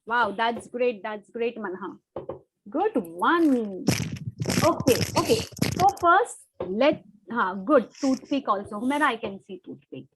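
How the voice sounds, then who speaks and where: A young woman leads a class over a video call, her voice sitting high and bright in pitch. She talks briskly, coaxing and quizzing pupils one by one. A light background hiss runs under the call. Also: expressive. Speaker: teacher. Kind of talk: online class teaching.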